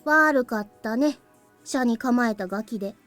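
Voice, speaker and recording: A woman voices a high-pitched young boy in Japanese visual novel acting, the calm, aloof crystallized memory of the hero's past. She sounds natural, a bit bright and a little fast, delivering lines in a cool, blunt, matter-of-fact way with slight cheekiness. Game music plays clearly in the background.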